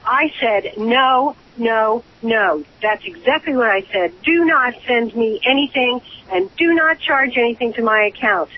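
Over a muffled phone line with a faint hiss, a woman angrily argues after being targeted by a prank call, insisting and repeating herself indignantly. Her fairly high voice has lively intonation, and she speaks unhurriedly with hardly any pauses.

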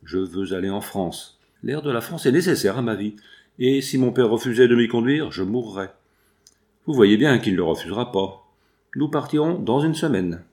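A man's voice: mid-range voice, lively intonation, moderate pace, darkish tone, natural voice. A man reading aloud and voicing a willful, impetuous eighteen-year-old girl who pleads insistently.

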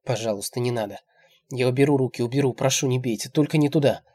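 A man's voice: medium pitch, steady tone, quick pace, darkish tone, dry recording, natural voice. A man reading an audiobook, voicing a frightened young woman who pleads timidly. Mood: pleading.

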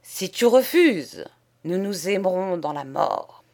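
A woman's voice: on the low side, big pitch swings, slow pace, a little mellow, heavily acted. A woman voicing an impassioned male poet who pleads fervently and declaims. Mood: imperious.

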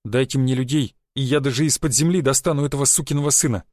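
A man voicing a grim, tight-lipped male secret police agent who reports in a flat, terse way in an audiobook. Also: mid-range voice, quick pace, dry recording, natural voice. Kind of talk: audiobook character voice.

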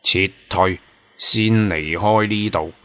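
Brief: a man playing a heartless leader, low and deliberate, every word cold and clipped. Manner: slow, flat, icy and mocking. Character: cold, ruthless mute-nicknamed team leader, man.

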